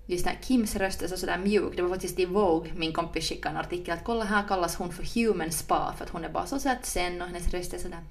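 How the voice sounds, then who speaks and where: A woman's voice: on the low side, vocal fry, few pauses, slight background noise. A young woman co-hosting a podcast in casual chat, rambling and jokey, often restarting her sentences. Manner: rambling, self-interrupting, jokey. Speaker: podcast co-host.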